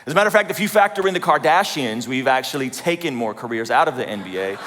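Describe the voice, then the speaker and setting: A man's voice: mid-range voice, lively intonation, fast, a bit bright. A man in his forties from Azerbaijan gives a light, self-deprecating personal testimony to a live audience. He talks conversationally and asks the crowd questions. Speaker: speaker at a church event. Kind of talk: humorous personal testimony talk. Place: large hall with a live audience. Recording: reverberant hall.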